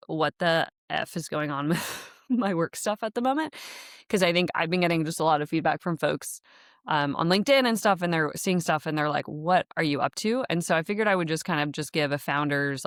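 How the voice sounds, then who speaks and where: A woman with a low, slightly bright voice hosts a casual solo podcast from a studio in an office space, with clean, echo-free sound. A startup founder whose first language is Dutch but who grew up in the United States, she chats in a rambling way full of fillers and light laughs.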